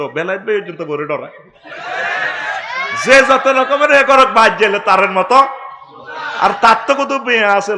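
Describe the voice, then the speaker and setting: A middle-aged man preaching a waz sermon, storytelling comically with sudden shouts. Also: high voice.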